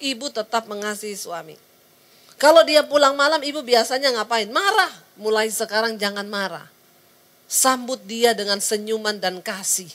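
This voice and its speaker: A woman's voice: mid-range voice, fairly bright tone. A woman preaching a sermon, telling stories, acting out the people in them and calling the congregation to say amen. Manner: sings short hymn lines within the story; calls the congregation to answer amen.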